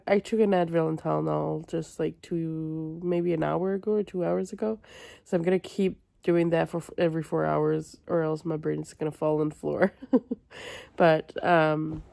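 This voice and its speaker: Female vlogger, low gravelly fry, congested and run-down, casual chat, close dry sound. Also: dark tone, no room sound. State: sick with a cold and stuffy nose. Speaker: book vlogger. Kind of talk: casual chatty vlog to camera.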